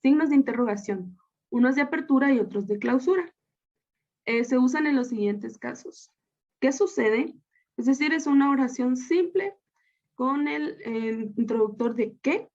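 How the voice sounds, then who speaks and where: A Guatemalan student teacher with a high, somewhat dark voice explains a lesson over slides at normal speed. She uses frequent fillers and restarts, and the audio is slightly dull and lo-fi.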